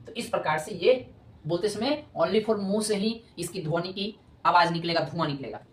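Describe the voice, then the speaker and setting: A woman teaching grammar, repeating points and checking often whether students follow. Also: on the low side. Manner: repetitive, checks understanding often. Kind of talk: explanatory classroom lesson. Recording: echoey room with faint noise.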